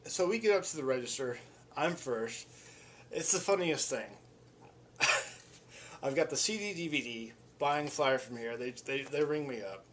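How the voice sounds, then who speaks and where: A man's voice: medium pitch, measured pace, long pauses, a bit bright, a little hiss or hum. A man who vlogs and plays music tells a story in a casual, rambling, enthusiastic way, restarting his sentences often. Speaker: vlogger and musician.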